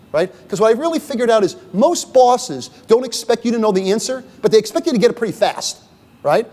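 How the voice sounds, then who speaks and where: At a university symposium, a middle-aged man speaks about leadership in a high, somewhat mellow voice, with a long reverb tail filling the event room. His delivery is chatty, punctuated by "okay?" and "right?", and he puts rhetorical questions to the crowd.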